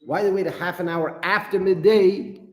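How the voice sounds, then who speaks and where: A man's voice: high-pitched, fairly even intonation, normal speed, darkish tone. Man, rabbi teaching Talmud; loose, repetitive lecture delivery. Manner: repetitive, rambling, asks rhetorical questions. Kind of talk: explanatory lecture.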